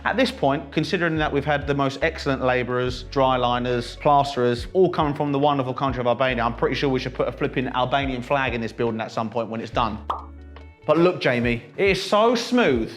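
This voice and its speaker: A British man hosting a casual vlog tour of a building under renovation, talking in an enthusiastic, jokey, exclamatory way. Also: medium pitch. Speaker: vlog host.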